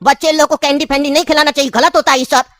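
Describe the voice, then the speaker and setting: A woman's voice: high-pitched, fairly even intonation, very fast, a bit bright, no room sound, clean studio sound. A woman voicing a pushy, scheming old grandfather in a cartoon, with a coaxing, chuckling manner. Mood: storytelling. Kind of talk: cartoon voice acting.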